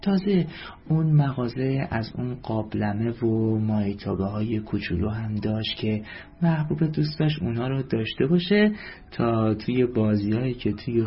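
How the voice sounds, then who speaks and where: A man telling a bedtime story to children, gently speaking to them directly. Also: fairly low pitch. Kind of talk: scripted story narration for children. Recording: dull lo-fi with faint background music.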